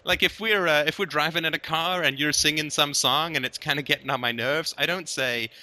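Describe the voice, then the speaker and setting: A man with a very bright, sharp voice hosts a relaxed but emphatic conversation. He keeps checking in with his listener, punctuating his points with "right?" as he builds an argument. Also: fairly high pitch, a little fast. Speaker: host. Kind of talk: casual philosophical conversation.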